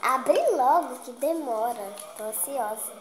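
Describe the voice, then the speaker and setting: Playful Brazilian woman, slightly high voice. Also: takes it slowly, rough recording. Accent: Brazilian Portuguese. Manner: playful, chatty, eager. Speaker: vlogger playing a food game with a friend. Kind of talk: casual chat.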